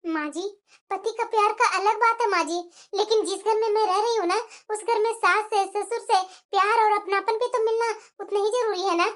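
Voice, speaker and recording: A woman's voice: very high-pitched, steady tone, moderate pace, fairly bright tone. A woman voicing a young daughter-in-law in a cartoon, pleading earnestly and standing her ground. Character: young daughter-in-law, hurt but firm. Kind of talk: cartoon voice acting.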